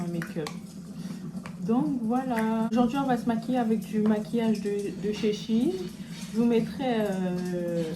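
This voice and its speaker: A young woman from French Guiana, a beauty vlogger chatting casually while doing her makeup, with relaxed slangy asides. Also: mid-range voice, background noise. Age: young adult.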